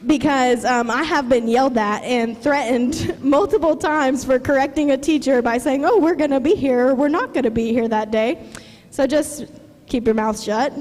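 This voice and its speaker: A woman's voice: sits high, darkish tone. A teenage girl giving a graduation speech at a ceremony, nervous and full of fillers, joking and sincere. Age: teens. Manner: nervous, many fillers, humorous then tearful. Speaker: graduating student speaker. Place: large hall at a graduation ceremony. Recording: reverberant hall, faint room noise.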